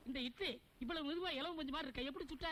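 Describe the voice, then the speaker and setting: An actor playing a fussy middle-aged village widower in comic film dialogue, with fast, excitable chatter. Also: male voice, very high voice, a little hiss or hum. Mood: relishing.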